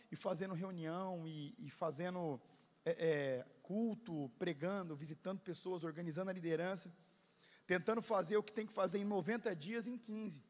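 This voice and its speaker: High-voiced Brazilian pastor in echoing hall. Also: male voice. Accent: Brazilian Portuguese. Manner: animated, swings from hushed to loud when telling a story. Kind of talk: sermon storytelling. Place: large church hall. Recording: long reverb of a large hall.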